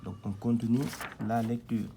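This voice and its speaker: A man's voice: mid-range voice, flat delivery, moderate pace, warm tone, slight background noise. A man teaching a reading lesson at a board, patient and repetitive, spelling out syllables one by one.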